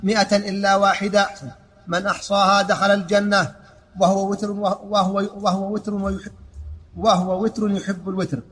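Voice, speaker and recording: High-voiced man reciting in a monotone. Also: moderate pace, slightly rough, soft background music. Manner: flat, even recitation with stumbles and restarts. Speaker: student reading the text aloud. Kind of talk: reciting a classical text in a lesson.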